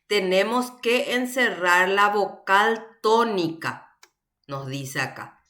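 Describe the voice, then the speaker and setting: A woman leads an online university class through her computer mic. She speaks slowly and deliberately, with a bright, forward tone. She keeps checking that her students follow, step by step. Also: mid-range voice. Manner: patient, explains step by step with checking questions. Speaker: university language teacher.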